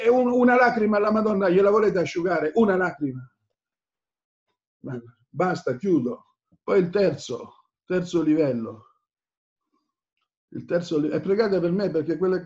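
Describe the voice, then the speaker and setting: A man's voice: high-pitched, darkish tone. A man preaching an impassioned sermon, repeating phrases and growing angry as he presses his points. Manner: fervent, repetitive, rises in anger. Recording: dull lo-fi recording.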